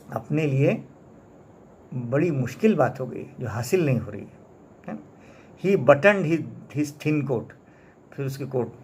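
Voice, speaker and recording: A man's voice: on the high side, a little hiss or hum. A male teacher from India with an Indian English accent, explaining a text phrase by phrase and checking in with his listeners. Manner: translates line by line, often adds "isn't it?" tags. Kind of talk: classroom lesson explaining a story.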